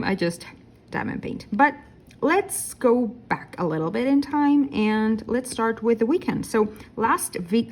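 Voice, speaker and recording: A woman's voice: mid-range voice, a little mellow. A woman in her thirties chatting casually in a vlog while crafting, tired and yawning, rambling with fillers and correcting herself. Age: 30s. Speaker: diamond painting vlogger. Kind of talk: casual chat.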